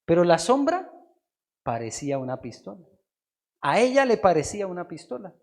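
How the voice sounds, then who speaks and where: A Colombian pastor delivers a sermon in a church, his voice sitting high for a man. He preaches with drama, dropping to soft asides and then rising to loud, emphatic declarations. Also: sing-song, normal speed.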